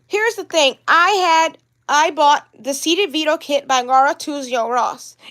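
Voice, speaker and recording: A woman's voice: high-pitched, unhurried, fairly bright tone. A young woman on a livestream vlog, talking in an upset, rambling way and repeating herself. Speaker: vlogger.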